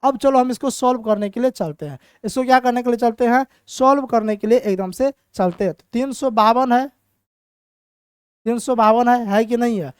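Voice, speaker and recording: A man's voice: very high voice, moderate pace, smooth, no room sound, studio quality. Chatty male tutor. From Bihar, India. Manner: chatty, asks rhetorical questions and answers himself. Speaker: teacher. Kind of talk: exam-prep reasoning lesson.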